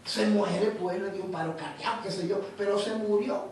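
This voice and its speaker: A Panamanian man preaching a sermon in an animated storytelling way, repeating words as he goes. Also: sits high, normal speed, very echoey, far from the mic, slight background noise, low-quality recording. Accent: Panamanian Spanish.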